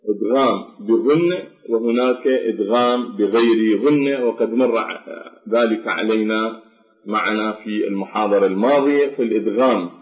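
Deliberate male teacher in a roomy, dull recording. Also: medium pitch. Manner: slow, deliberate explaining, with demonstrations. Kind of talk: lecture on Quran recitation rules.

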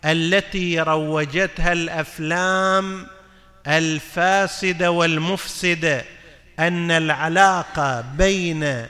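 Man, preacher, bright tense voice, long hall reverb. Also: a little high, fairly even intonation, takes it slowly. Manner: mixes formal Arabic with colloquial asides, asks listeners questions. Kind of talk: religious lecture.

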